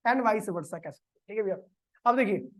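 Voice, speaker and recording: A male physics teacher giving a classroom lecture. He fires questions at the class, answers them himself, and slows right down to dictate definitions. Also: high-pitched, animated, a bit bright. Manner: quizzes the class and answers his own questions. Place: classroom with a board.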